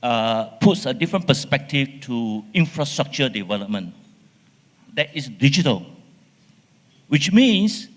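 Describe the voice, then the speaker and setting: A man from Johor giving measured, emphatic panel remarks at a conference. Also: on the high side, fairly bright tone. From Johor, Malaysia. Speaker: panel speaker. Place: conference hall. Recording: long reverb of a conference hall.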